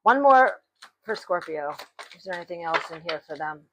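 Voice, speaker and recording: A woman giving a tarot reading, speaking slowly and deliberately and clearing her throat now and then. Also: low-pitched, steady tone, background noise. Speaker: tarot reader.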